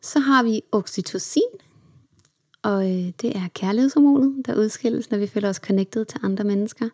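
A woman's voice: mid-range voice, mellow. A young woman hosting her own self-help podcast, chatting in an upbeat way and slipping English words into her talk. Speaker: podcast host.

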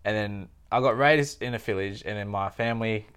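A man from Thailand, a podcast guest telling his life story in casual conversation, halting and full of fillers. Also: on the low side, fairly bright tone, clear, resonant tone.

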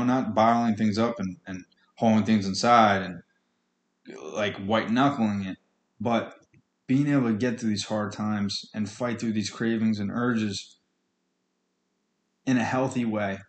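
Echoey, low-voiced man, blunt and earnest. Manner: blunt, earnest, sweary, colloquial. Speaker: podcast host speaking on addiction recovery. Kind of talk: informal motivational monologue.

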